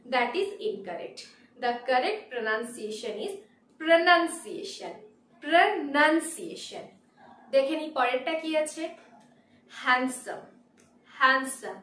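A woman teaching pronunciation, repeating each word slowly with careful stress. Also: high-pitched, a bit bright, slight background noise. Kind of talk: slow, deliberate pronunciation lesson. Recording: echoey room, voice from a distance.

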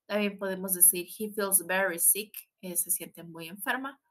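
Bright-voiced woman teaching English. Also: mid-range voice. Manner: explains in Spanish, models English words slowly, adds tag questions. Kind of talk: recorded online language lesson.

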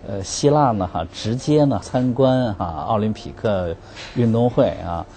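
A restaurant manager giving an interview answer in a halting way, full of fillers. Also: male voice, on the low side, dark tone.

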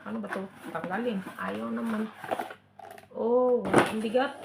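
A woman's voice: a little high, steady tone, takes it slowly, gravelly. A woman from the Philippines chatting casually in a vlog as she opens gifts, giggling and repeating herself. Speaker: vlogger. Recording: echoey room with faint noise.

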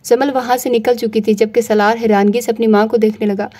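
Woman narrator, audiobook novel reading, steady storytelling, fairly high voice, mellow. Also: a little fast.

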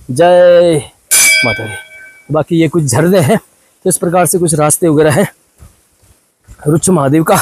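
A man's voice: fairly high pitch, a little mellow, breathy edge, no room sound. A young man from Uttarakhand narrating a casual travel vlog outdoors, chatty as he points things out to viewers. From Uttarakhand, India. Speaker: vlogger. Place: outdoors at hill temples and a riverside.

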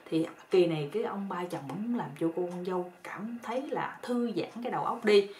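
A woman's voice: medium pitch, a little fast, a little mellow. Woman narrator, loose chatty telling, roomy echo. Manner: chatty, colloquial, repeats words often. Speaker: storyteller. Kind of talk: casual spoken storytelling. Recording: roomy echo with faint noise.

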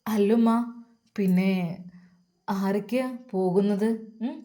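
Woman doing curious young son, quick questions, malappuram accent. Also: medium pitch, warm tone, natural voice. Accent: Malappuram Malayalam.

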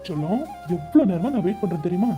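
A woman with a lowish, natural voice performs cartoon voice acting, speaking fast and animated as Kathir, a playful and devoted young man. The character coaxes, teases and acts protective, with background music behind her.

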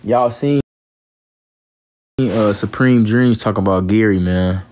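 A young adult American man from Gary, a live streamer and actor, lies down in a small indoor room answering comments in a tired, laid-back, slangy way. His gravelly voice is on the low side, slow, and darkish, picked up by a handheld phone at close range in a muffled livestream with background noise.

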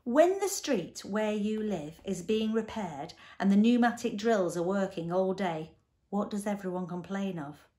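Lady doing a pompous old-school doctor guy, slow and puffed up, storybook. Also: medium pitch, lively intonation, warm tone, natural voice. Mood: questioning. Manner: pompous, declaiming. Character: pompous middle-aged male doctor, blustering.

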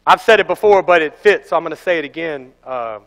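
A young man preaching a sermon as pastor, animated and telling stories with acted-out voices. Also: fairly high pitch, fast. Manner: animated storytelling, acting out voices. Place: large church hall. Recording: echoey church hall.

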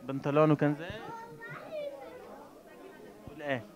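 A man in his thirties with a Syrian Arabic accent, a TV reporter interviewing children and parents in a shop, playful with the kids and warm with adults. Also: on the high side, little pitch movement, normal speed, muffled recording. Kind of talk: street interview. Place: busy indoor children's clothing shop. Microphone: handheld reporter mic. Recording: crowd chatter behind.

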